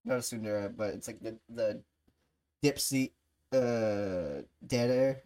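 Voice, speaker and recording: Very low-voiced woman streamer, slow, lively. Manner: laughs often, shrieky exclamations. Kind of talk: casual live-stream chat.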